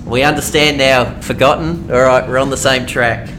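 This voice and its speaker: A man's voice: medium pitch, fairly even intonation, normal speed. Chatty Australian man streaming a game. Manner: chatty, rambling, many fillers. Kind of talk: casual let's-play commentary. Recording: noisy home stream audio.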